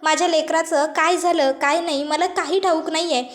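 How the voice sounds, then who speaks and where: A woman's voice: very high voice, steady tone, moderate pace. A woman voicing a grieving, distraught middle-aged mother who laments her lost daughter in a story retelling. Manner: lamenting, pleading. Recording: roomy echo.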